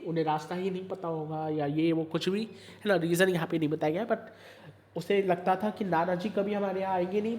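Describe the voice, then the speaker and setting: A man's voice: sits high, slight background noise. A man teaching an online class, mixing Hindi and English, repeating points and checking in with students often. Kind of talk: online class explaining a story.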